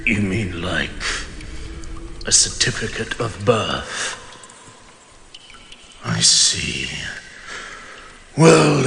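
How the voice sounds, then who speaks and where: A man's voice: lowish voice, gravelly, heavily acted. A man playing a haughty, betrayed immortal king in a fantasy audio drama, pompous and sardonic in formal archaic speech. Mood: grudging. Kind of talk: dramatic audio roleplay monologue. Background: music.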